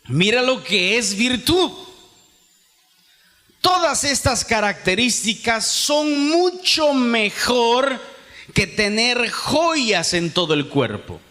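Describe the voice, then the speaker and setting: A man's voice: a little high, a bit bright. A Peruvian man with a Peruvian Spanish accent preaching a sermon at a youth conference. He reads scripture aloud, explains it, and asks rhetorical questions that he answers himself. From Peru. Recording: long reverb of a large hall.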